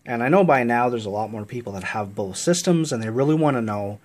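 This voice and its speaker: A man's voice: mid-range voice, expressive, quick pace. A man talking through a casual step-by-step tech tutorial, out of breath and chatty with fillers.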